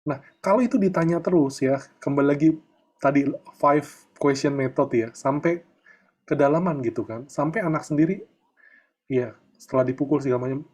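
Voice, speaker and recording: A middle-aged man leads a coaching session in an easygoing, conversational tone. His voice sits a little high for a man, and he keeps tagging his sentences with small fillers as he talks. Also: moderate pace, darkish tone, slightly rough. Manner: chatty, peppers talk with filler tags. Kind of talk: casual online coaching talk.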